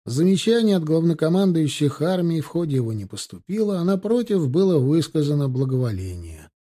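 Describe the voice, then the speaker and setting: A man narrating a historical novel in a steady, measured reading voice. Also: fairly high pitch. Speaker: audiobook narrator. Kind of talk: scripted narration.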